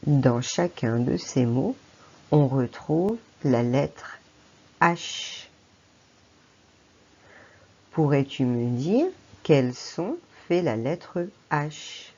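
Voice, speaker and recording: A woman's voice: very deep voice, animated, takes it slowly, dark tone, breathy edge, highs cut off. A French woman teacher giving a patient phonics lesson to a young child, speaking to the child directly. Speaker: primary school teacher.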